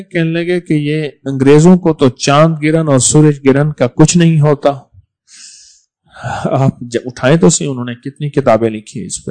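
A man giving a religious sermon, repeating phrases for emphasis and swinging between loud stresses and soft drops. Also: a little high, low-quality recording. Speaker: preacher.

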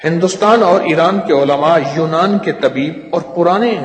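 An older man with a high-pitched voice tells stories as an herbal doctor. He speaks in an animated, folksy way, full of asides. His voice rings through a large echoey hall with a long reverb tail. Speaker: herbal doctor giving a talk. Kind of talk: storytelling lecture.

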